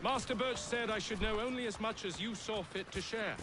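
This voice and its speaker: A man's voice: sits high, brisk, noisy background, natural voice. An actor playing an eager, deferential young man, speaking in formal, respectful period phrases in video game dialogue. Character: young male eager, deferential loyal servant. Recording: game audio with clear street ambience.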